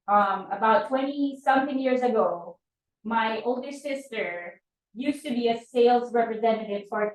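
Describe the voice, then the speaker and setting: A woman, presenting at a meeting in a hesitant way with many fillers. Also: on the high side. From Philippines. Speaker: transaction coordinator. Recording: very echoey room, voice far from mic.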